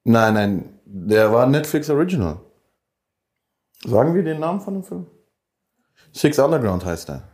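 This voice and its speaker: A man co-hosting a casual podcast chat, asking calm questions and pushing back on the others. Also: medium pitch, measured pace, long pauses. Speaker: podcast co-host.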